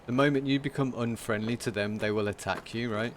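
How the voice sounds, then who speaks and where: A man streaming a game, talking through it in a casual, monotone commentary. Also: medium pitch, fairly quick, background noise.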